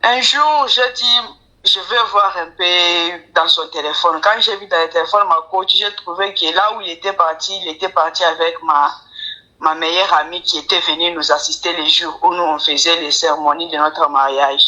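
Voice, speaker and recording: A woman with a Congolese accent telling her story as a deferential caller, in halting, broken French as a non-native speaker with grammar slips. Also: fairly low pitch, bright, forceful tone, low-quality recording. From Kinshasa, Congo. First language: not French; speaks it with difficulty. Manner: deferential, often addressing the coach by title. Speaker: caller to a live coaching show. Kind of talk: personal storytelling.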